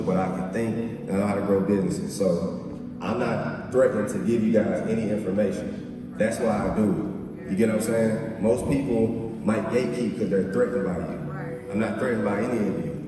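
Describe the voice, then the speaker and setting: A man in his twenties speaking to a live audience, boastful and slangy, often asking "you feel me?". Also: on the low side. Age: 20s. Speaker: guest speaker. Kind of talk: motivational talk to a live audience. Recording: echoey hall, far from mic, crowd noise.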